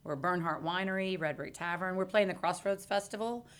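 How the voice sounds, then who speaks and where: A woman musician with a Texan accent, a guest in a casual interview who tells stories with lively asides. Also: on the low side, over a noisy crowd. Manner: lively storyteller, quick, laughing asides. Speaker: band member guest.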